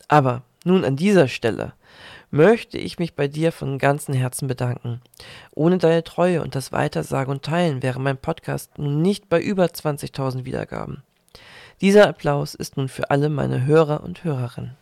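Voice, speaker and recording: A woman hosting a podcast, reading her introduction from a script and then asking her guests calm questions. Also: low-pitched, normal speed, creaky, no room sound, studio quality. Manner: reads announcements, then asks calm questions. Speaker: podcast host.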